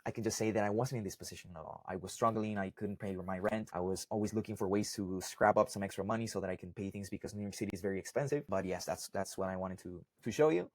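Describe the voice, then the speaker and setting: Fast and with few pauses, a lowish male voice comes from a young salsa instructor from Costa Rica in a casual explainer talk to camera. He speaks conversationally, frequently ending points with "right?" and "okay?", in dry, clean studio sound.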